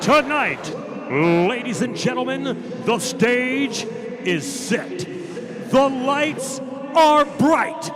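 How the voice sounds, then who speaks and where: High-pitched male ringmaster announcer, drawn out. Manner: showman-like, booming shouts, drawn-out words. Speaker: ring announcer. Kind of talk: ringmaster-style live fight announcing. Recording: loud crowd behind, live event. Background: crowd noise.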